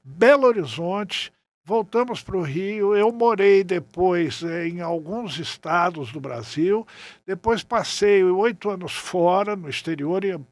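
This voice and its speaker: A Rio de Janeiro man in his seventies, a journalist and writer, tells reminiscing anecdotes as a guest in a casual podcast interview. His voice is high-pitched and slow in a dry recording, and his storytelling often checks in with "né".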